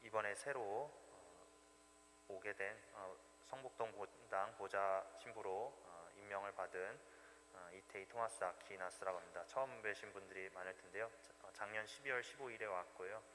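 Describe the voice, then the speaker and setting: A male priest addresses a congregation at Mass in a lowish, forceful voice with little melodic movement. The church adds long reverb, and a faint hum sits underneath. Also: normal speed. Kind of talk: liturgical address and greeting to congregation.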